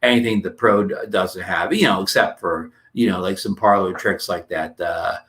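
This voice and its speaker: Casual livestream host, male, lowish voice, rambling with lots of ums and restarts, greets chat by name, dry throat. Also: normal speed, fairly bright tone. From New Jersey. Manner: rambling, many fillers and restarts, greets viewers.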